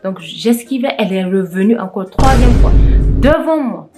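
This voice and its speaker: A woman's voice: a little high, lively intonation, moderate pace, over loud music. A tired young woman telling a personal story in a casual vlog, rambling, with frequent restarts and self-corrections.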